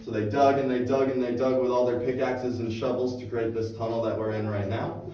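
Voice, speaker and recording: Standing among a tour group inside a rocky cave, a male tour guide narrates in a projecting, folksy style. His mid-range voice is warm, flat in delivery and fairly quick, captured by a phone camera several metres away, so the sound is echoey and distant.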